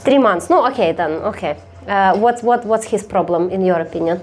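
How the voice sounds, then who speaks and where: Eine Komikerin, die auf einer Live-Bühne stumpf und neckend mit dem Publikum spricht und oft lacht. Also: female voice, mid-range voice, fairly quick, darkish tone, a little hiss or hum. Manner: blunt, teasing, laughs often. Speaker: stand-up comedian. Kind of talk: stand-up crowd work. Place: live comedy stage.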